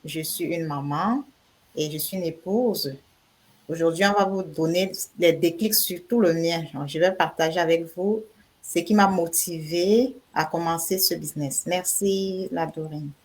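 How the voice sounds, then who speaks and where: Brief: woman from Cameroon, lowish voice, slow, halting delivery. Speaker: panel guest. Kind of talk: self-introduction on a live stream.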